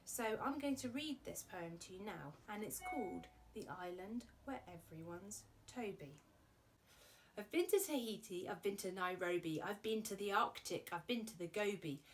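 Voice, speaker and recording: On a children's arts show, a female presenter talks chattily and playfully to young viewers and reads silly verse. Her mid-range voice is animated at a moderate pace, with a little hiss or hum in the background.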